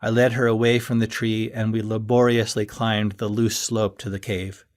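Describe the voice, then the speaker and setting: A man's voice: fairly low pitch, level tone, normal speed. A man reading his own novel aloud as an audiobook, telling the story in an earnest first person. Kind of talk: audiobook narration.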